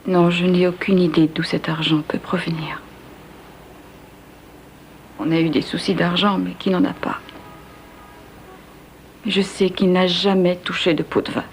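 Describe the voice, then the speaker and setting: A woman dubbing a grieving police officer's widow in a French TV cop drama, speaking softly. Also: lowish voice, little pitch movement, unhurried, long pauses, slight background noise, poor audio. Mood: denying. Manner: soft, sorrowful.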